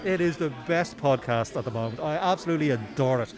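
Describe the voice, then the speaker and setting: A gushing, over-the-top male fan, his voice pitched a little higher than ordinary talk and held lightly back, as a man puts him on. The fan's praise pours out in eager bursts at a merch stall. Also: expressive, quick pace, over music, natural voice. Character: enthusiastic male fan guest praising the podcast.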